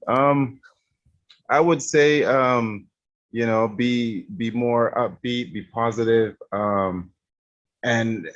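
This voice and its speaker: A gaming streamer from Barbados, appearing as a guest, chats casually in an interview with a mid-range voice on dull-sounding audio. He comes across laid-back and laughs often.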